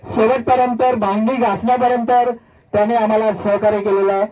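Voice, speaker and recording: A man's voice: high voice, little pitch movement, dull audio. A man from Konkan working as announcer at a village cricket prize ceremony, formally reading out names one by one. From Konkan, India. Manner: reads names one by one in a formal, measured listing.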